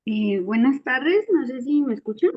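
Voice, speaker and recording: A woman's voice: high-pitched, lively intonation, measured pace, muffled recording. A young woman from Guatemala, a law student, introducing herself hesitantly on a video call. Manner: hesitant, light fillers.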